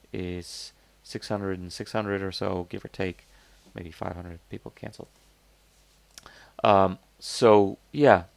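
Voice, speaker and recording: Man, casual review host, rambling and skeptical, lots of fillers, lowish gravelly voice, dry close sound. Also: no echo. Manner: rambling, thinking aloud with many fillers and restarts; skeptical, conversational. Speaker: host reviewing crowdfunding products. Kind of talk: casual product review talk.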